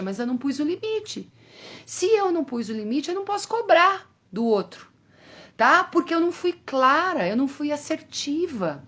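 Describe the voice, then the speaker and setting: Female speaker, middle-aged, fairly high voice, chatty coaching talk. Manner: lively, addresses group with "gente" and "tá?". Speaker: self-development speaker. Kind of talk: casual talk to an audience.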